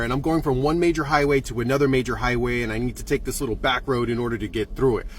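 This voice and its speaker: A man telling a wild driving story as a vlogger, excitable and profane, acting out scenes with sound effects. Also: medium pitch, slight background noise. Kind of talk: animated storytelling.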